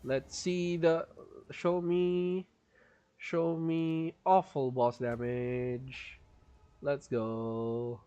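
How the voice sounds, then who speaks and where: Speaking very slowly with a fairly high, flat delivery, this man gives live gameplay commentary in a mellow, smooth voice over lo-fi audio. He chats casually, walks through the details of his build and laughs a lot. Throughout, his voice sounds strained as he suppresses a cough.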